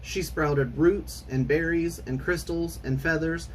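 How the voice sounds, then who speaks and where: A man reading a children's storybook aloud in an expressive, theatrical way with clear enunciation. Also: fairly high pitch, measured pace, slight background noise, low-quality recording. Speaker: storytime reader.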